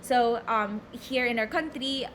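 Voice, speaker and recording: A woman's voice: a little high, unhurried, a bit bright, slight background noise. A young Filipino woman with a Filipino accent, teaching a recorded lecture, reading from slides and explaining with many fillers and repeated words. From Philippines.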